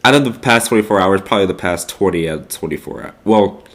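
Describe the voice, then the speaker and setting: A young man co-hosts a casual podcast chat, his nose stuffed up with congestion. He talks fast in a low voice, laid-back and rambling, with lots of fillers.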